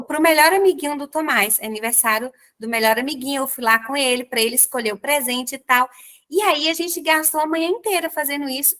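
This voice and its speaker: A young adult woman with a Brazilian accent, a psychologist hosting a podcast and telling stories to her listeners. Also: high-pitched. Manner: lively anecdotal storyteller addressing listeners. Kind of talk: conversational podcast, storytelling.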